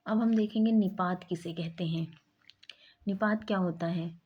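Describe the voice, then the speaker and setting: A woman's voice: fairly low pitch, fairly even intonation, unhurried, slightly rough, muffled recording. A woman teaching a grammar lesson for exam preparation, explaining terms and stressing words in spoken examples.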